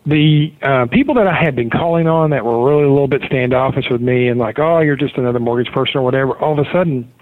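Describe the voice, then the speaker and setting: A man's voice: medium pitch, quick pace, few pauses, no echo. A man telling his business story earnestly in a casual interview, heard over a call line. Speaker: podcast guest, mortgage marketer. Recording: tinny phone-line audio.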